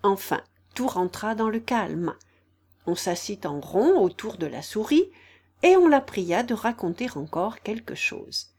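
Slow expressive woman reading a storybook. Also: mid-range voice. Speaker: audiobook narrator.

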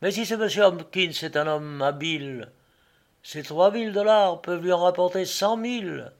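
A man doing a shrewd worldly gentleman. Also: high voice, moderate pace, pitched above the performer's own voice. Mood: knowing. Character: shrewd male American host, worldly. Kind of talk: audiobook character voice.

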